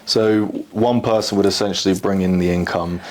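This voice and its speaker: A man's voice: low voice, steady tone, moderate pace, darkish tone. A man asking questions in a casual interview, interested and affirming. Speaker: interviewer, grandchild.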